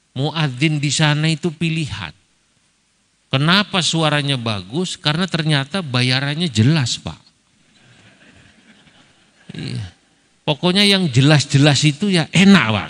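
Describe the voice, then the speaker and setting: A man's voice: on the low side, fairly bright tone. A middle-aged Indonesian man preaching to a gathering, telling stories with humor and acting out the people he quotes. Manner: storytelling with humor, voicing quoted speakers. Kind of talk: religious lecture to a gathering. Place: large hall at a celebration. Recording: reverberant hall.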